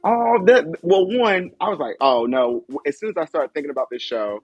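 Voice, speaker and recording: A man's voice: a little high, moderate pace, breathy edge, no echo, highs cut off, faint music behind. Gushing man hosting a chat. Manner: gushing, animated storyteller. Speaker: podcast host. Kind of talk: casual chat.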